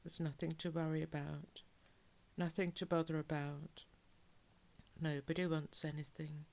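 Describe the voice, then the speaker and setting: A woman guiding a relaxation hypnosis in a calm, measured, soothing way, with soft, breathy phrase endings. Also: sits low. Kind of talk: guided relaxation hypnosis, soothing scripted narration.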